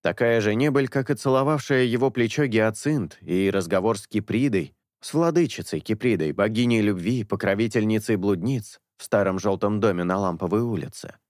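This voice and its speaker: A man narrating an audiobook in a measured, expressive storytelling manner. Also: fairly low pitch, no echo, studio quality.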